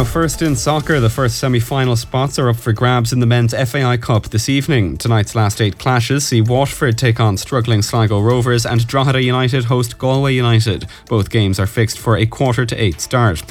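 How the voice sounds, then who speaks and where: A man reading a scripted radio sports bulletin. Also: medium pitch. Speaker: radio news and sports reader. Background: music.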